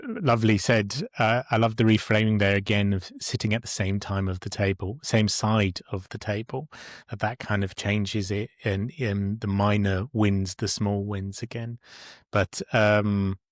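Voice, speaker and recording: A man with a fairly low voice hosts a relaxed podcast chat. He talks in a halting way, full of ums and restarts. The sound is dry and close, with no room around it. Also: no room sound. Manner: hesitant, many fillers and restarts. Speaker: podcast host. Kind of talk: casual conversational interview.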